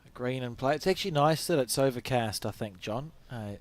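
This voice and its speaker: Male sports commentator, New Zealand accent, mid pitch, relaxed banter. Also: brisk. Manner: chatty, light-hearted banter.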